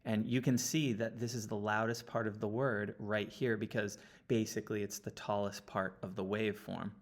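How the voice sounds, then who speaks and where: A man talking through an audio analysis step by step, often checking in with a quick "okay?". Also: fairly low pitch, little pitch movement. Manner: explanatory, checks in with frequent "okay?". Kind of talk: screen-recorded audio analysis walkthrough. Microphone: computer mic, sitting close.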